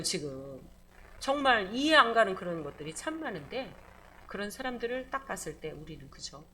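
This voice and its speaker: Animated, bright-voiced woman pastor preaching. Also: on the high side. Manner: animated preaching, calls for amen, acts out scolding voices. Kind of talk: sermon. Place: church.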